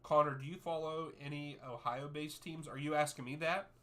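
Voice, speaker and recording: Male streamer in his thirties, bright and punchy tone, casual back-and-forth with live chat. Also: a little high, steady tone, normal speed. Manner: easygoing, reads out chat names and answers at length. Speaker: streamer hosting a soccer watchalong. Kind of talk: live-stream chat, answering viewer questions.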